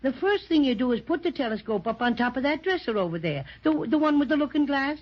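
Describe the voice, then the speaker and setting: A woman's voice: high-pitched, lively intonation, fast talker. A woman doing a chatty teddy bear. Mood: cheerful, chatty. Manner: chatty, folksy phrasing with throat-clearing and "to be sure". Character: small cheerful male teddy bear, chatty and boastful. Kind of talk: 1930s children's radio drama. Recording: dull 1930s radio transcription.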